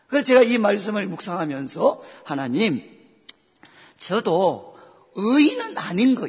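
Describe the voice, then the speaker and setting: A man's voice: sits high, creaky, slightly rough, long reverb tail. A man preaching a sermon as pastor, putting questions straight to his congregation. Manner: lively, questions the congregation directly. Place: church sanctuary.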